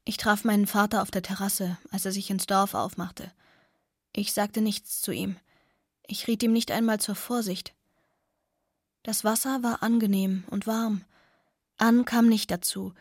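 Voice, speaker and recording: A woman's voice: mid-range voice, fairly even intonation, measured pace, long pauses, darkish tone, no echo, clean studio sound. A woman reading a novel aloud in first person, intimate and sometimes dropping to a near whisper. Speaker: audiobook narrator. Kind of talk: scripted first-person narration.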